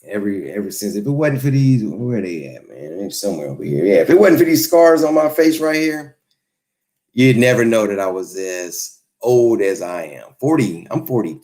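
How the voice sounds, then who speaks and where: A relaxed man in his forties talks to his live audience in a lowish voice. His pitch jumps up and down a lot as he rambles easygoing and friendly. He answers comments off the cuff on a home livestream. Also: moderate pace. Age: 40s. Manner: easygoing, rambling, laid-back. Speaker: YouTube creator hosting a livestream. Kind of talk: casual livestream chat reading comments. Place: home, Los Angeles.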